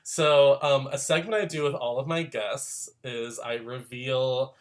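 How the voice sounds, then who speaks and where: A man in his thirties hosting a casual podcast chat from a room at home, campy and animated and quick to laugh. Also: mid-range voice. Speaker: podcast host.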